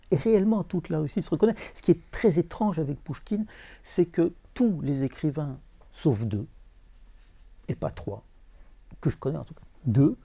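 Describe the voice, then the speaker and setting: A man talking as a literary translator before an audience, halting, repeating words and chanting verse rhythms. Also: a little high, vocal fry, mellow, husky. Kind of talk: bookshop talk with audience.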